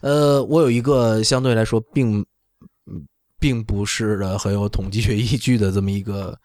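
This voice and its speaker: A middle-aged orthopedic doctor, not a native Chinese speaker, explains things casually on a talk show, frequently asking "right?" to make sure you're following. His fairly low voice is steady and a little mellow at normal speed, recorded dry with no echo.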